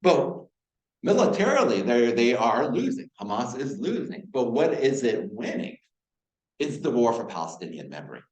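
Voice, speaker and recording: Male lecturer from Iraq, lively rhetorical delivery, roomy hall sound. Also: mid-range voice, moderate pace. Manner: animated, rhetorical questions to audience. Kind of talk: university lecture.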